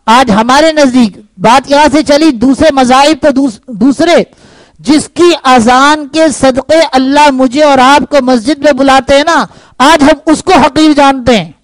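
A man's voice: extremely high pitch, no echo, low-quality recording. A man preaching a sermon, telling stories and asking his listeners rhetorical questions. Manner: animated storytelling with rhetorical questions.

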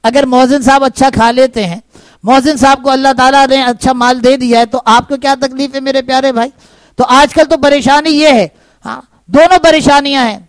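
High-voiced man preaching a sermon. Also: clear, resonant tone, no echo, low-quality recording. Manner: animated storytelling with rhetorical questions.

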